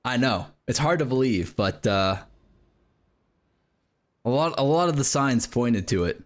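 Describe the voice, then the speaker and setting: Lively joking male game streamer. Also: medium pitch, a little slow. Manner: profane, joking, reads chat messages aloud. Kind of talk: casual live-stream chat.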